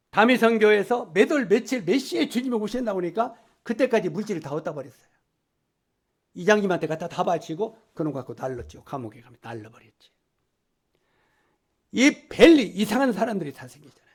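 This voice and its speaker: A man preaching a sermon to a congregation as a lay preacher, emphatic, swinging from loud lines to near-whispers. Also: high voice, animated, a little fast, pauses often, slightly rough.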